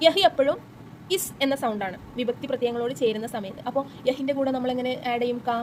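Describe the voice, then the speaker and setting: In this exam-prep lesson, a young Malayali-accented woman teacher goes through exam questions one step at a time, posing questions and answering them herself. She reads from the textbook slowly and deliberately, her voice fairly high, with background noise present.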